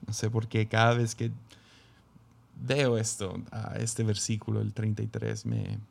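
A man's voice: fairly low pitch, little pitch movement, unhurried, gravelly. A man, a pastor, reading scripture aloud and then musing on it in a reflective sermon, with frequent restarts.

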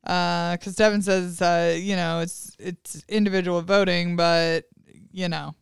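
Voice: medium pitch, flat delivery, measured pace, creaky, clean tone, no room sound, clean studio sound. A podcast co-host giving a casual, hesitant step-by-step recap of a reality show episode. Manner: plods through plot recap, hesitant. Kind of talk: casual chat.

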